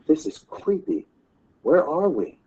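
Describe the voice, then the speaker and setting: A man playing a jumpy, excitable young boy in a storybook read-aloud, lifting his voice into eager questions. The delivery is slow and mellow, and the pitch sits low beneath the lift. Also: highs cut off, slight background noise.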